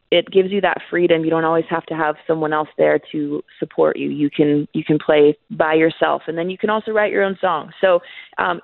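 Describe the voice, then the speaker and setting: A woman in her thirties, a guest musician, answering interview questions in a relaxed, chatty way that leans on filler words. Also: fairly low pitch, no echo. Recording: tinny phone-line audio.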